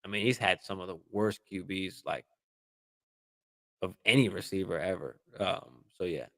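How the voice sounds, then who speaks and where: A man hosts a live fantasy football stream, fielding viewer questions in a loose, easygoing way, cursing freely and filling his speech with fillers and restarts. His voice is low and his speed is normal.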